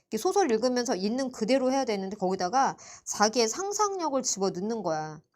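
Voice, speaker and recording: A woman's voice: on the high side, very animated, quick pace, a little mellow. A woman tutoring Korean literature in a live online class, chatty and teasing, quizzing her students by name. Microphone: computer mic for a livestream.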